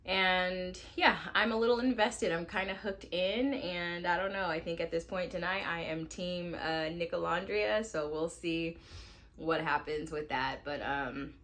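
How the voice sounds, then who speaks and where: A woman in her thirties, a mom and lifestyle vlogger, chatting casually to camera at home in a relaxed way with lots of "like" fillers. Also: on the low side, unhurried. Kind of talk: casual vlog chat to camera. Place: at home indoors.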